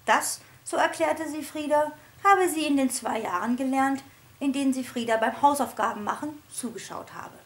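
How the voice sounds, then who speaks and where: Animated woman reading a children's story. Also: high-pitched, normal speed, a little hiss or hum. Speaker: children's book author reading aloud. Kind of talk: storybook narration.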